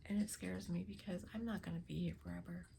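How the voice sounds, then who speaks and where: An older woman running a spirit box session for her vlog, speaking in a hushed, often whispered, earnest and emotional way, pleading for signs. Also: fairly low pitch, fairly even intonation, fast talker, gravelly, noisy background.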